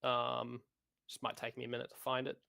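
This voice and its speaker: An Australian man as a guest on a casual gaming podcast over a call, talking in a measured, hedging way. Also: mid-range voice, completely flat delivery, creaky, sharp tone. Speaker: podcast guest, tournament player.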